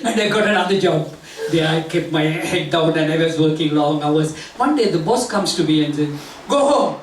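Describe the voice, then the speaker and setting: An older man from Sri Lanka telling a self-mocking comic story to an audience, jumping into high squeaks when he acts out his own panic. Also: moderate pace, reverberant, far from the mic, low-quality recording. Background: audience laughter and room ambience.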